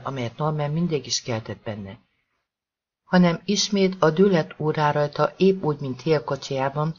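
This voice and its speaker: A man's voice: fairly high pitch, darkish tone, highs cut off. A man narrating a suspenseful novel in a dramatic audiobook reading.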